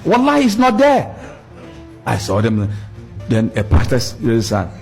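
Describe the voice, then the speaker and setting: A middle-aged man giving a storytelling religious lecture, animated, repeating words for emphasis. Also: medium pitch, measured pace, creaky, soft background music. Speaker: Islamic speaker.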